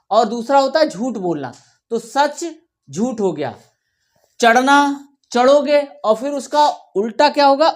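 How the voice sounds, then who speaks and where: A woman teaching a children's workbook lesson, reading words slowly and repeating them for the class to follow, often checking in as she goes. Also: fairly high pitch. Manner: slow, repeats words for children to read along; checks in often with "theek hai". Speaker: primary school teacher.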